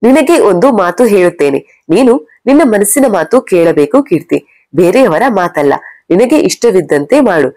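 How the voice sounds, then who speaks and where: A woman's voice: medium pitch, very animated, moderate pace, dark tone, dry recording. Woman voicing a kind, wise aunt. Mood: advising.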